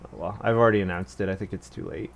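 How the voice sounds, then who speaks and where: Speaking fast in a low, creaky, steady voice, a man narrates his board game turns as casual commentary. He thinks aloud, makes fun of himself, and chuckles at his own plays.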